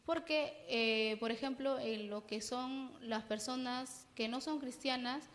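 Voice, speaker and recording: Peruvian lady psychologist giving a church parenting talk, kinda high voice, long echo on it. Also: slow. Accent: Peruvian Spanish. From Peru. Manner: explanatory, keeps checking in with "¿no?". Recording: long reverb.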